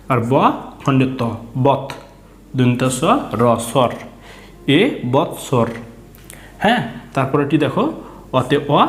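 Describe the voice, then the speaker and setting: Male teacher, Bangladeshi Bengali accent, mid pitch, patient question-and-answer spelling lesson, roomy echo. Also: darkish tone. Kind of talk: children's reading lesson.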